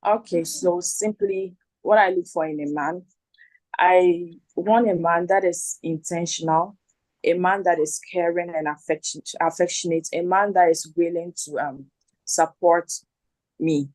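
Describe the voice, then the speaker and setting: A woman in her twenties from Ghana, a contestant giving measured, brief answers over a video call. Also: lowish voice, steady tone, darkish tone, dry recording, low-quality recording. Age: 20s. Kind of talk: introducing herself.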